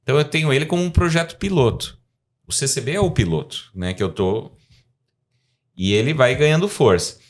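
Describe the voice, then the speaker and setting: Brazilian professor explaining at length. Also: male voice, mid-range voice, animated, brisk. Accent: Brazilian Portuguese. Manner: explanatory, rambling, frequent tag questions. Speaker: guest scientist and professor. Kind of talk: podcast interview.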